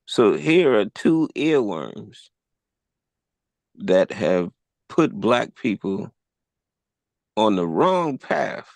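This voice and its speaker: A man hosting a live podcast discussion, speaking in a measured, deliberate way and laughing easily. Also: on the low side, gravelly, a little mellow, no room sound. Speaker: podcast host.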